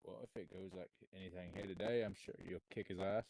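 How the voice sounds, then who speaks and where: A man's voice: sits low, fairly even intonation, a little fast, gravelly, darkish tone, dry recording, low-quality recording. A man playing a tabletop game in character, talking casually with some stammering. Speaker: player.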